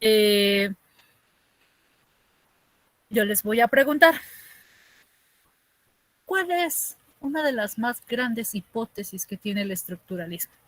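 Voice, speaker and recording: A woman's voice: fairly high pitch, expressive, takes it slowly, long pauses, dry recording. A woman from Mexico City with a chilango accent, teaching an online class in a chatty way, asking her students questions and laughing often.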